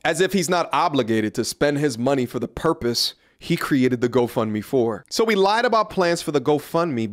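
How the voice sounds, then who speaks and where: A man in his thirties delivering a pointed, earnest commentary on a studio microphone in a small room. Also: medium pitch. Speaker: commentary YouTuber. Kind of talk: scripted commentary video. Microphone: studio mic on a boom in front of him.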